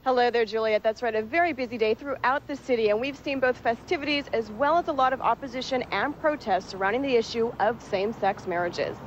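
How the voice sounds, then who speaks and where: A woman's voice: on the high side, quick pace, hardly any pauses, muffled recording, slight background noise. A woman with an American accent reporting live for television news, moving between explanation and scripted narration.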